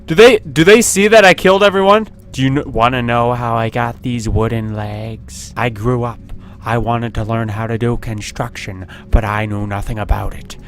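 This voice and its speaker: A man giving casual, excitable commentary as he plays a video game at his computer, laughing often and yelping when something happens. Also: medium pitch, moderate pace. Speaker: gaming video host. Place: at home at a computer with webcam.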